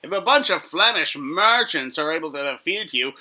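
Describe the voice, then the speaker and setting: A scornful medieval pundit, played by a man argues his case emphatically in a mock news debate. His voice is fairly high and forceful, with very lively swings in pitch. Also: normal speed. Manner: emphatic, argumentative. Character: combative male medieval war pundit, scornful and argumentative.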